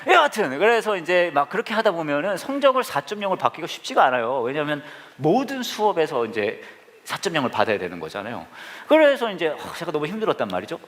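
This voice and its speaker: Male pastor, playful storyteller in the pulpit, fast, animated delivery. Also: a little high. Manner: humorous storytelling with asides to the congregation. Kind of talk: sermon.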